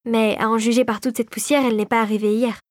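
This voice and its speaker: A woman voicing a hushed, kindly old inventor. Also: fairly high pitch, level tone, fast talker, dry recording, studio quality, lightly acted. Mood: puzzled. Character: elderly male inventor uncle, kindly and wry. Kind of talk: storybook reading.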